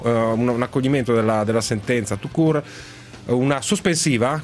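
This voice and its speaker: A man's voice: medium pitch, darkish tone. A man hosting a sports radio talk show, chatting in an emphatic style with wry exaggeration. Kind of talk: animated sports radio chat.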